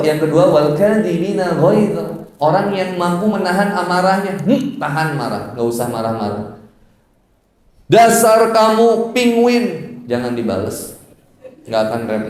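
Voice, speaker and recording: Man, joking preacher, chants Arabic verses, booming mosque echo. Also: warm tone. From West Java. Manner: playful, acts out quarrels in sudden high voices. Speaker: Islamic preacher. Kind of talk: humorous sermon. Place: mosque hall. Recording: very echoey mosque hall.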